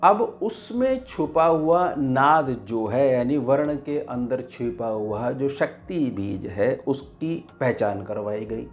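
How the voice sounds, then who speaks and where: A man, a spiritual teacher, giving a devotional teaching talk in a slow, measured way with pauses. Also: mid-range voice, lively intonation, soft background music.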